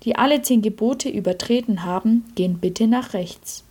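A fussy old saint who guards heaven's gate, put on by a woman reading a storybook. He announces orders briskly in a raised voice that stays dark and slightly husky. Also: on the high side. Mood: announcing.

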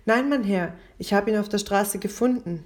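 A woman's voice: mid-range voice, normal speed, lightly acted. A woman voicing a poor, stubborn young boy who protests and pleads in a storybook reading. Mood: pleading.

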